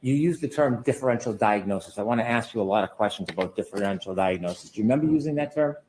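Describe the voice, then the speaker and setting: A man's voice: lowish voice, lively intonation, fast talker, a little mellow, a little hiss or hum. A man cross-examining a witness in a courtroom as a lawyer, pressing and sceptical, often ending statements with pointed tag questions.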